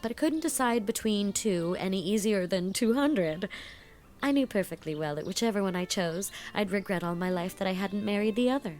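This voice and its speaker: Gushing and playfully dramatic, a woman performs a flighty, giddy eighteen-year-old who loves fun and chatters away in a dramatized audiobook. Her mid-range, natural voice is animated and darkish, moving a little quickly over soft background music.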